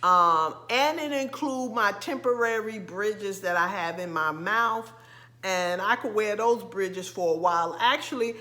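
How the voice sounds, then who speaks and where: A middle-aged woman from the United States with a slight lisp, talking casually to camera as a vlogger, halting with frequent ums and restarts. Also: medium pitch, sharp tone. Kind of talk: casual vlog talk to camera.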